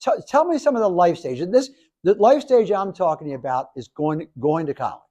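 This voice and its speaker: A man in his seventies, a professor giving a lively, jokey classroom lecture to students, with many restarts. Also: sits high, normal speed. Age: 70s. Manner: animated, jokey, talks to the audience, restarts often. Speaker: professor and speaker.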